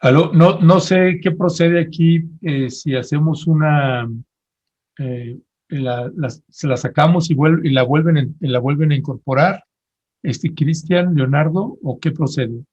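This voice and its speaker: Husky male TV host. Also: fairly high pitch, unhurried, highs cut off. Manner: conversational, relaxed with small restarts. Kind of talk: live interview broadcast.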